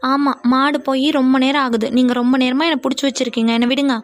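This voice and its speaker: Woman voicing a sassy cartoon girl, high voice, talks fast and pokes fun. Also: steady tone, close to an everyday voice. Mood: teasing. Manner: cheeky, playfully mocking. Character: young woman, cheeky and teasing.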